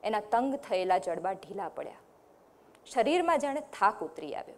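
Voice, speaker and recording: A woman novelist giving an expressive reading from her novel and then speaking about it in a conversational way at a public talk. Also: mid-range voice, normal speed.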